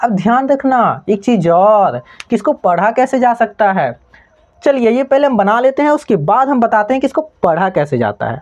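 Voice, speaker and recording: A woman with a Bhojpuri-tinged Hindi accent teaching a math lesson, who keeps asking the class whether they have understood. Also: medium pitch. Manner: keeps checking understanding with repeated questions. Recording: slightly dull lo-fi recording.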